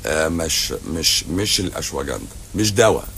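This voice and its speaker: This middle-aged doctor speaks in an extremely low, creaky yet bright voice, animated, fairly quick, and forceful, with an Egyptian Arabic accent. He fields livestream viewer questions bluntly and sarcastically, teasing them, from a hotel lobby at night with slight background noise.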